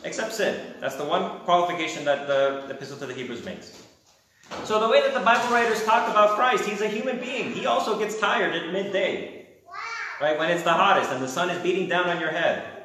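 A man's voice: high voice, brisk, bright, forceful tone, slight background noise. A man from America teaching a class, asking the students questions and adding wry asides. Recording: very echoey room.

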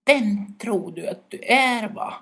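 Man doing bratty little tree brothers, high and whiny, sour and sneaky. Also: animated, gravelly, slightly rough, heavily acted. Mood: indignant. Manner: sour and scheming. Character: two sulky, jealous young birch-tree brothers.

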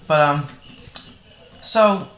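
High-voiced sarcastic man. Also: drawn-out words. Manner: animated, sarcastic, acts out quotes. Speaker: podcast co-host. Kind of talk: casual film review chat. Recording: echoey room with faint noise.

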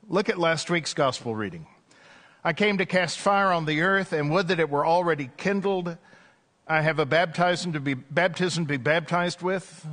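Standing at a pulpit mic in church, a man preaches as an Anglican priest in a relaxed, chatty style, dropping light jokes and saying "uh" now and then. His pitch is fairly high.

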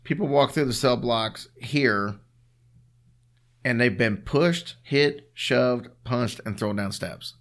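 Speaking slowly in a medium-pitched, fairly bright voice, this man co-hosts a podcast and spins ghost stories. The chat is easygoing, and he teases in a dry way.

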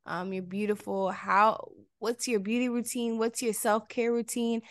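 A woman hosting a podcast, asking questions in a halting casual way with many fillers. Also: fairly high pitch, flat delivery, no room sound, clean studio sound. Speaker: podcast host. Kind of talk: casual interview chat.

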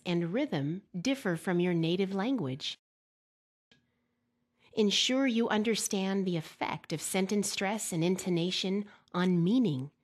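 Woman reading an exam prep lesson, lowish voice, calm measured pace, drawn out example words. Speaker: exam preparation instructor. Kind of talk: scripted instructional narration.

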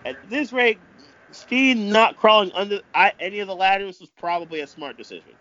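A man giving improvised amateur wrestling commentary, speaking haltingly and often repeating himself. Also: high voice, pushed and bright, lo-fi sound.

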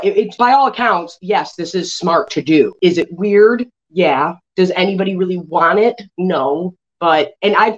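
Woman reviewer, slightly low voice, lively recap chat, dull lo-fi sound. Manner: animated, acts out characters' lines in quotes. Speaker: show reviewer and co-host. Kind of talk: casual TV show discussion.

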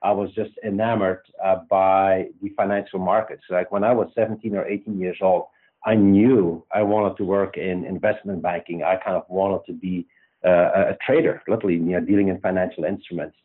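A man's voice: sits low, steady tone, brisk, breathy edge. A man with a Belgian accent, a company founder being interviewed, talking thoughtfully with many fillers and restarts. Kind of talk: casual interview talk. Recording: tinny phone-like line.

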